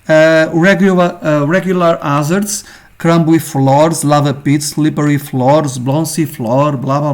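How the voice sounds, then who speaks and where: Portuguese-accented male teacher, slightly high voice, casual halting lesson delivery. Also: a little mellow. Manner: halting, many fillers, ends phrases with "okay?". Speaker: game design teacher. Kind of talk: informal screen-share lesson.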